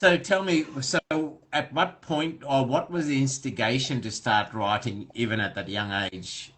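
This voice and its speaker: A man's voice: medium pitch, steady tone, moderate pace, a bit bright, rough recording. Conversational male podcast host. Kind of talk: casual interview conversation.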